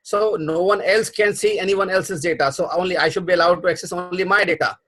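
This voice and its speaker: This programming instructor, a middle-aged man, speaks a bit fast in a high, steady, pushed and bright voice. Teaching a live class over video call, he explains concepts patiently but keeps restarting, repeating himself and using fillers.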